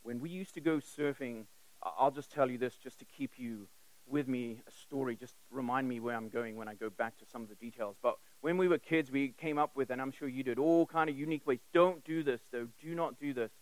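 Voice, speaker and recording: A brisk, mid-range male voice carries this sermon, recorded dry and in poor audio. The English-born preacher, raised in South Africa, addresses listeners with direct questions, repeats phrases for emphasis, and weaves in personal stories in a conversational manner.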